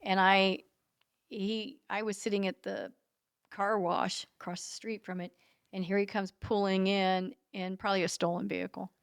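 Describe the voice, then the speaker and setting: A woman's voice: mid-range voice, little pitch movement, normal speed, smooth, dry recording. A woman hosting a podcast interview, telling personal stories in a heartfelt, emotional way. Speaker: podcast host.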